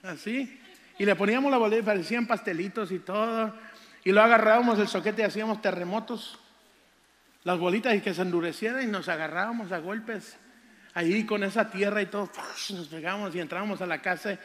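An older man gives a sermon testimony, fervently drawing out passages of scripture before wandering into folksy stories from his childhood. His voice is high for a man and fairly bright in tone. Long reverb fills the church hall around him.

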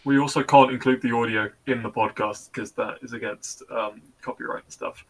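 A man's voice: medium pitch, fairly even intonation, normal speed, rough recording. A young man co-hosting a casual podcast, wry and organising the others. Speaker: podcast co-host. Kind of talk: casual chat.

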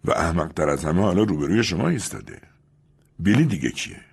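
Listen to a bitter, wronged rich man who questions and accuses in a deep, husky voice, as a narrator puts him on. His lines rise and fall with feeling. He comes from a storybook reading. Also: animated, full character voice. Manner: stern, accusing. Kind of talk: audiobook character reading.

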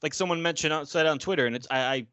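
A man's voice: on the high side, quick pace, a bit bright, no echo. A man co-hosting a casual sports fan talk show, ranting profanely and acting out quoted voices.

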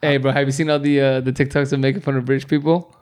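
A young man from Texas co-hosts a casual podcast in a relaxed, slangy way. He restarts his sentences often and talks at a middle pitch. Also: fast. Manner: laid-back, slangy, many restarts. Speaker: podcast co-host. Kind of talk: casual chat.

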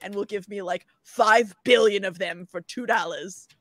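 A woman's voice: mid-range voice, moderate pace, fairly bright tone, no room sound. A woman co-hosting a podcast, trading teasing banter in casual chat and laughing often. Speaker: podcast co-host.

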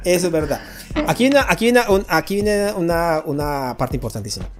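A man's voice: a little high, lively intonation, fairly quick, a little hiss or hum. A man with a Colombian accent hosting a comedic podcast, joking playfully and acting out what his friends say. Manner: jokey, playful, acts out quoted friends. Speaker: podcast host.

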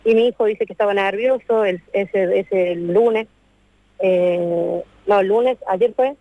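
A woman's voice: mid-range voice, no echo. Distraught Argentine woman on a phone line. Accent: Argentine Spanish. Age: 30s. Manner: distraught, repeats herself, talks in long rushed runs. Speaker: interviewee on a radio show. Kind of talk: emotional phone interview. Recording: dry tinny phone line.

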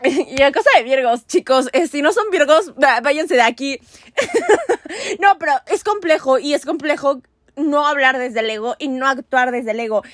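Young woman, high voice, dry close sound, earnest rambling podcast chat. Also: moderate pace, fairly bright tone, no room sound. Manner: earnest, rambling, self-mocking. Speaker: podcast host. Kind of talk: casual chat.

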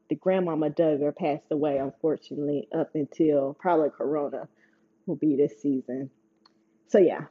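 A woman's voice: on the low side, husky, dull audio. A woman chatting casually as she recaps TV shows, laughing often and making playful asides. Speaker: TV recap host. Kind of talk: casual chat.

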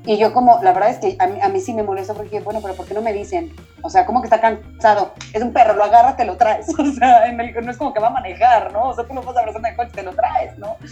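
Mexican woman in her 30s chatting about kids, mellow voice, acts out what everyone said, dull lo-fi sound with faint music under it. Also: medium pitch, fast talker, hardly any pauses. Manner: animated storyteller, acts out quoted dialogue. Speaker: mother discussing parenting. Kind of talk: casual conversational talk.

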